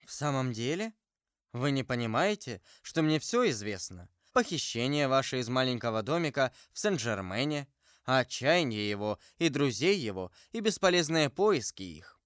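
An earnest, trusting young novice speaks eagerly and with feeling, as a male narrator puts her on, her voice pitched up and lively. The delivery is clear and smooth, and the audiobook recording is dry. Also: normal speed, no echo. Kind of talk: audiobook character voice.

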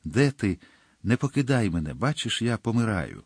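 A man's voice: fairly low pitch, big pitch swings, normal speed, husky, no echo, studio quality, exaggerated voice. A man voicing a frail, loving young woman in a storybook reading, with a raised, breathless, pleading delivery. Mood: dying.

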